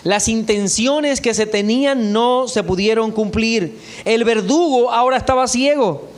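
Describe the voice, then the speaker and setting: A pastor with a notably high voice for a man delivers a church sermon. He works through scripture in a steady, measured preaching style and reads the verses aloud.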